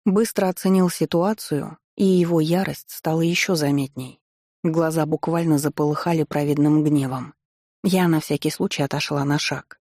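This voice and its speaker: A narrator reading a first-person fantasy story aloud in a wry, expressive manner with ironic asides. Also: medium pitch, normal speed, no room sound, clean studio sound. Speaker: audiobook narrator.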